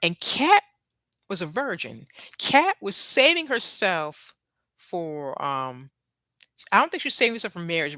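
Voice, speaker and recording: A woman in her forties talks casually to her livestream viewers from home, often laughing and losing her thread. Her pitch swings widely and her tone is bright and forceful. The sound is close and dry. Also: no echo. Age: 40s. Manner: chatty, laughs often, trails off. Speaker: YouTube livestream host. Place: apartment with thin walls.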